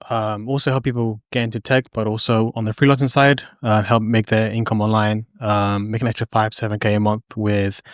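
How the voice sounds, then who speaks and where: A man from Somalia, raised in the UK, speaking as an edtech founder guest in a measured, hesitant way. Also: on the low side, no echo, studio quality.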